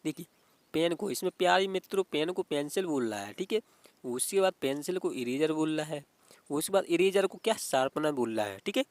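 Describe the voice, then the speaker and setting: A man's voice: a little high, lively intonation, fairly quick, no echo. A man explaining exam reasoning questions as a teacher, repeating himself and checking in often with "okay". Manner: repetitive, keeps asking "what is it" and saying "okay".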